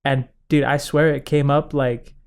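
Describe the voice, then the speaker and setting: A man's voice: medium pitch, level tone, unhurried, darkish tone, clear, resonant tone. A young adult man hosting a podcast, telling a story in a rambling, casual way with lots of laughter. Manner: rambling, laughs often, heavy filler "like". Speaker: podcast host.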